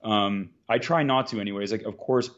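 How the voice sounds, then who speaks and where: A man's voice: fairly low pitch, a little fast, a bit bright, muffled recording. A man in his thirties, a jiu-jitsu competitor from Canada, talking casually in a podcast interview and rambling with lots of "like"s and restarts. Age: 30s. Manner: rambling, full of filler "like"s and restarts.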